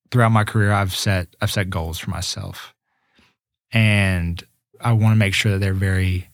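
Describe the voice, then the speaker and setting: A musician in his twenties, a guest on a casual podcast interview, talks about his path in music in an earnest, reflective way, often restarting his thoughts. His voice sits slightly low. The recording is dry, with no room sound.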